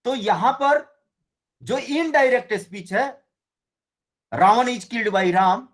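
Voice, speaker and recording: A man teaching a Hindi grammar lesson, explaining slowly and often checking with his students. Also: extremely high pitch. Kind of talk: classroom lecture.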